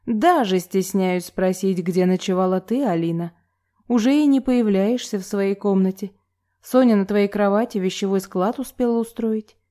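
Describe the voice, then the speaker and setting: A calm young woman with a dry wit, speaking evenly and coolly , played by a woman reading an audiobook. Her voice is mellow and warm. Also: mid-range voice, normal speed, lightly acted. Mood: calm sarcastic.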